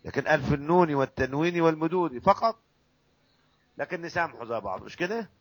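A man's voice: fairly high pitch, expressive, fast, dry recording, lo-fi sound. A man with an Egyptian accent, a sheikh explaining a classical recitation text to students, drilling sounds syllable by syllable and quizzing his listeners. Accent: Egyptian Arabic.

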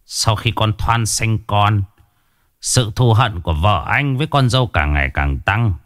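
A man voicing a calm, weary older village sorcerer who speaks in a measured, lecturing way. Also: on the low side, no echo, clean studio sound, voice pushed up. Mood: grave.

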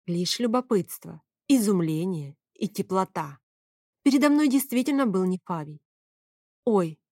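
A woman narrates an audiobook in the first person with lively, expressive storytelling. Her pitch is mid-range for a woman. The recording is dry and close to the mic. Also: moderate pace, dry recording.

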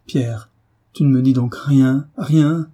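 A man's voice: medium pitch, measured pace, warm tone, husky. A man voicing a young man desperate with love, his speech pleading and breaking with emotion.

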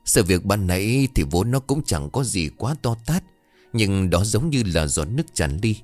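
A male storyteller reads a ghost tale with a low voice that rises and falls expressively. The sound is dry and close, with faint music playing underneath. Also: moderate pace, dry recording. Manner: expressive, dramatic reading.

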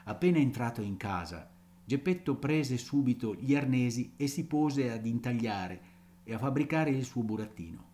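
A man reading a classic storybook aloud in an expressive way, with small ad-libs and chuckles. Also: medium pitch, normal speed. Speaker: audiobook reader.

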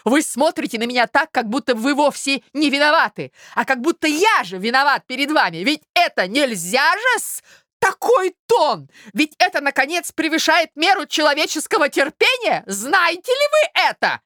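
A woman reading aloud and voicing an outraged young man who shouts in fury. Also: mid-range voice, big pitch swings, slow pace, no echo, clean studio sound, pitched above the performer's own voice. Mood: furious. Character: furious young man, blustering and indignant.

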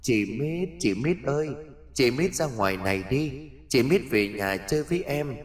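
A man voicing a vengeful, hungry ghost child girl in a horror story, speaking in a soft, hushed, pleading way. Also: medium pitch, lively intonation, normal speed, soft background music, voice pushed up, close to an everyday voice. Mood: coaxing.

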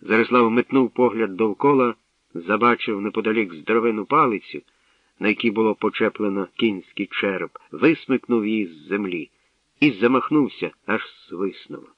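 A man narrating a story steadily and deliberately, in a tinny, distant radio recording. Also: fairly low pitch, no echo.

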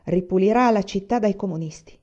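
A woman's voice: medium pitch, brisk, darkish tone, dull audio, natural voice. A woman voicing a stern wealthy father, a banker who speaks in clipped, curt sentences.

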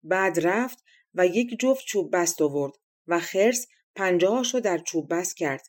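A woman narrating a fairy-tale audiobook in an expressive, lively reading style. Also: on the low side.

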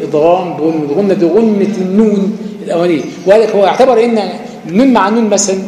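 A man's voice: sits high, rapid-fire, warm tone. Egyptian man teaching in an echoey hall. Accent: Egyptian Arabic. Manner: colloquial, explains with everyday examples and demonstrates sounds. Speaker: Quran recitation teacher. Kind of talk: recorded lecture on tajweed. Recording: echoey hall with faint background hum.

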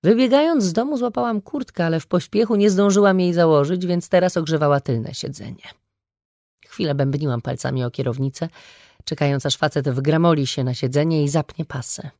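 A woman reading a first-person audiobook story with brisk, wry storytelling. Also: deep voice, dark tone, no echo, clean studio sound. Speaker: audiobook narrator. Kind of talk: scripted first-person narration.

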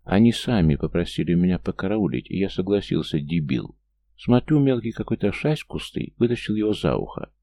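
A man's voice: low voice, expressive, brisk, mellow. A man voicing a bitter, resentful teenage boy cadet in a story reading, sullen and muffled.

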